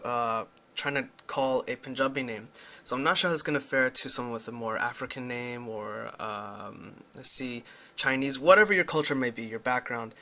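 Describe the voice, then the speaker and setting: A young tech reviewer casually and candidly demonstrates a phone app, explaining as he goes. His voice is mid-range with a sharp tone.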